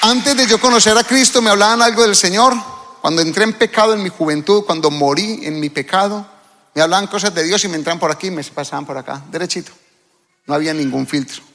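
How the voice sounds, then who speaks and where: A man's voice: high-pitched, fast talker, pushed and bright, some chatter behind. A man preaching a fervent sermon to his church, often asking the congregation questions. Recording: long hall reverb.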